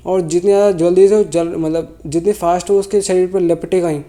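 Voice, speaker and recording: Feeling unwell with a sore throat, a man with a high, mellow voice recaps a manhwa in a relaxed way. He keeps rephrasing mid-sentence and correcting himself as he goes.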